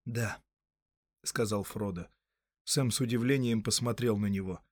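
A man narrating an audiobook in a calm, measured way. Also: fairly low pitch, no room sound.

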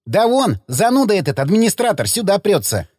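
A man voicing a brash, hot-tempered young man who bickers loudly and mocks the others, in an audiobook. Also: sits high, sing-song, slightly rough, no room sound, studio quality, pitched above the performer's own voice, exaggerated voice. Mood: grumbling. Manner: loud, mocking and quick to bicker.

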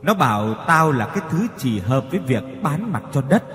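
Male reader doing a wronged young man's ghost, bitter and grieving, lively pitch, long reverb, faint music underneath. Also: normal speed. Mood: furious. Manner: bitter, grieving, teeth-gritting.

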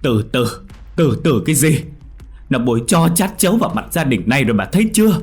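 A man playing a violent, furious older farmer who shouts and curses at his daughter. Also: deep voice, fairly quick, soft background music. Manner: shouting, harsh, cursing.

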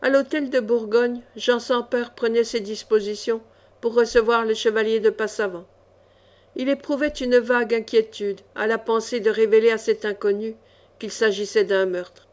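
A woman narrating a swashbuckling historical novel as an audiobook, expressive and measured. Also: on the high side.

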